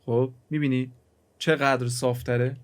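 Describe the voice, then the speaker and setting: A man's voice: mid-range voice, flat delivery. A man teaching music mixing in a casual, chatty way, talking straight to the viewer and explaining with everyday examples. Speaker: music production instructor. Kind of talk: casual screen-recorded tutorial.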